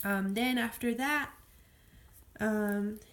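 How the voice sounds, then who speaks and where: A woman with a gravelly, fry-tinged voice, speaking at an ordinary middle pitch. She walks through a phonics lesson in a loose, chatty way, sounding out letters as she goes. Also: extremely slow, slight background noise. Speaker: homeschool teacher. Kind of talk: casual phonics tutorial. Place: at home.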